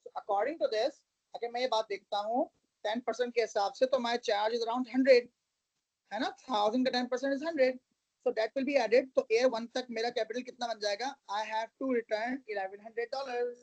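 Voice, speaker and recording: A woman teaches a recorded math lesson, patiently explaining each step, mixing English into her explanations, calling listeners "beta" and asking check questions to make sure students follow. Her voice is a little high and darkish, fairly even in intonation and a little slow. The recording is low quality, with no room sound.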